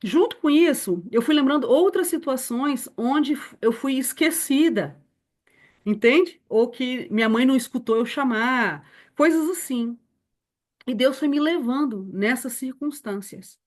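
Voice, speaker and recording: A woman's voice: high-pitched, lively intonation, a little slow. A woman in her forties, a missionary teacher sharing a personal testimony in an earnest storytelling manner. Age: 40s. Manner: earnest, storytelling, addresses listeners as beloved. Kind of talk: personal testimony in a church lesson.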